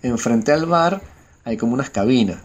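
A man's voice: medium pitch, moderate pace, slight background noise. A Venezuelan man with a Venezuelan Spanish accent, telling a casual anecdote to a friend and swearing freely. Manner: animated storyteller, acts out quoted voices, swears freely.

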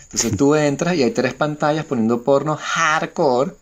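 A man's voice: fairly high pitch, normal speed. A Venezuelan man with a Venezuelan Spanish accent, telling a casual anecdote to a friend and swearing freely. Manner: animated storyteller, acts out quoted voices, swears freely.

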